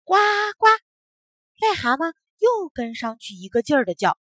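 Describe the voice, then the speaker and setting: Animated woman telling a children's story. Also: on the high side, brisk, no room sound, studio quality.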